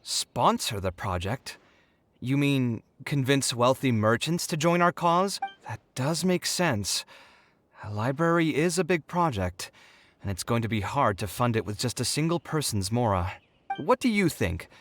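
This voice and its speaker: Kaveh, a lively young architect. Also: male voice, mid-range voice, measured pace. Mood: thoughtful. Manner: expressive, concerned, animated. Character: young male architect, passionate and expressive. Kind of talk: video game voice acting. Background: game music.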